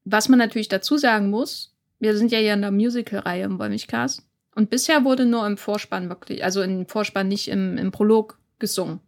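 A woman's voice: medium pitch, fairly quick, a little mellow. Chatty woman podcast co-host. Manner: chatty, hesitant with fillers and restarts. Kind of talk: casual film discussion.

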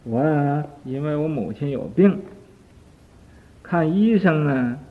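A man's voice: a little high, lively intonation, slow pace. An older man voicing a grief-stricken man who is desperate to cure his sick mother, in an anguished, pleading voice. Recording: tinny lo-fi archive tape.

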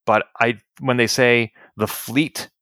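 A man's voice: medium pitch, steady tone, takes it slowly, bright, forceful tone, no echo, studio quality. A man co-hosting a podcast in casual chat, opinionated and analytical as he picks apart an episode. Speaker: podcast co-host.

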